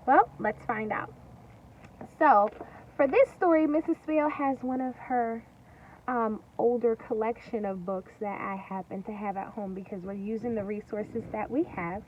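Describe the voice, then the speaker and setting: At home, a woman teacher reads a storybook aloud to young children in a slightly high, emphatic, singsong voice. She asks them questions and pauses for their answers. The recording is lo-fi, with a distant mic and faint noise.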